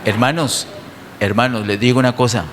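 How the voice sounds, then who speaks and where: A man's voice: medium pitch, fairly even intonation, moderate pace, fairly bright tone, a little hiss or hum. A man preaching a sermon to his congregation, emphatic and full of rhetorical questions, in a church. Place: church hall. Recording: distant sound with long hall reverb.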